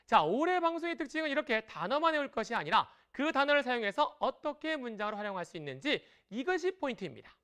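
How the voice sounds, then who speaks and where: A woman teaches a broadcast language lesson in a lively, encouraging way. Her voice sits fairly high and rises and falls a great deal as she explains. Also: fast, hardly any pauses. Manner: lively and encouraging, drawing out example tones.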